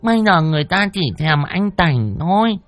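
A man voicing an unkempt, lovesick madwoman who talks in a shrill, wheedling, coy way. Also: brisk, fairly bright tone, dry recording, soft background music.

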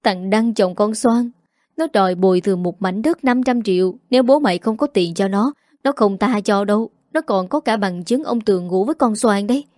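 A woman voicing an older village mother who wails and scolds harshly, in a dry mellow voice. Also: mid-range voice, moderate pace, dry recording, close to an everyday voice. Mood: bitter. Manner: wailing, scolding, harsh-tongued.

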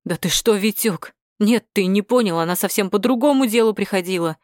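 A cowardly male petty crook, nervous and stammering, with a shrill squeal, as a woman puts him on. The reading is dry and close, from an audiobook. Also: brisk, a little mellow, dry recording, close to an everyday voice. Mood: pleading.

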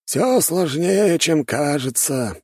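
A cunning old elder , put on by a male narrator, speaks in a high, husky, drawn-out voice. He is sly and measured and sounds sure of his schemes. The audiobook recording is dry. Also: lively intonation, a little mellow, dry recording, full character voice. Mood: scheming.

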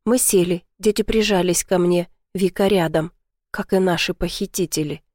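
A woman's voice: lowish voice, normal speed, a little mellow, no echo, clean studio sound. A woman reading a dramatic first-person audiobook in an earnest, emotional way. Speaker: audiobook narrator. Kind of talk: scripted first-person narration.

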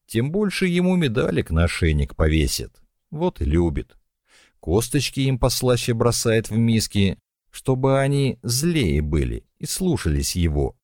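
A man's voice: fairly low pitch, a little mellow, no echo, studio quality, voice pushed up, heavily acted. Guy reading an audiobook doing a nasty sneering thug, crude and taunting, voice jumps around a lot. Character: coarse menacing male thug, mocking and violent.

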